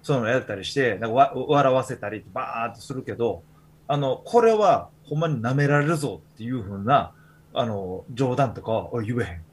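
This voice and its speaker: A man's voice: mid-range voice, lively intonation, fairly quick, slightly rough. A man with a Kansai accent, hosting a podcast in casual chat, telling rambling stories full of fillers. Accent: Kansai Japanese. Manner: rambling storytelling with many fillers. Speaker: podcast host.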